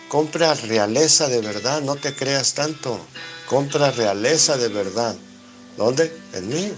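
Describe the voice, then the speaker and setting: A man with a Mexican accent giving a Bible study sermon, reading scripture aloud and explaining it line by line, asking rhetorical questions and answering them himself. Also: medium pitch. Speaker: preacher.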